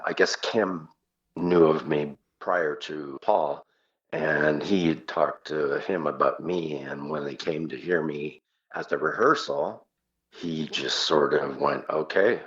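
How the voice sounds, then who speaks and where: A rock singer appearing as an interview guest reminisces casually, spinning stories and acting out brief quotes. His voice is very deep with a fairly bright tone, and the recording sounds dull and muffled.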